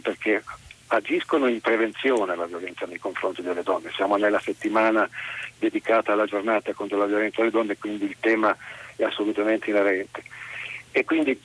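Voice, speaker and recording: A middle-aged man from Turin calling in by phone to a talk radio show. He works as a counselor for violent men and explains things in a measured way, with frequent "eh" pauses. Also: lowish voice, fairly even intonation, a bit bright, breathy edge, low-quality recording. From Turin, Italy. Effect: phone caller heard over the radio.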